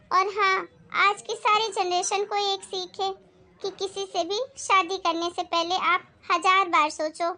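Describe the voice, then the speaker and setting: Very high-voiced woman host signing off. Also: pushed and bright. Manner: friendly, advising. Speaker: channel host. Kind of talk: video outro address.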